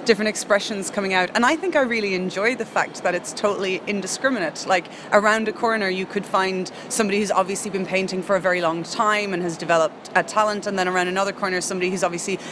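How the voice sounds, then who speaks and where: A woman's voice: mid-range voice, quick pace, few pauses. Woman doing a casual podcast chat out in a busy public space, informal and appreciative, lots of noise behind her. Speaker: podcast host and interviewer. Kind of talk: casual on-location podcast interview. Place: busy public exhibition space in city centre. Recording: noisy public space, urban background din. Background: people and urban ambience.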